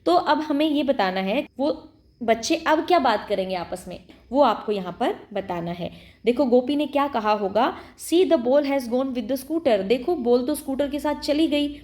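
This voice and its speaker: A woman's voice: high voice, lively intonation, darkish tone. Patient Indian woman teaching a lesson. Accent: Indian English. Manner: patient, reads English lines slowly then translates. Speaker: primary school English teacher. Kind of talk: explaining a textbook lesson in Hindi and English.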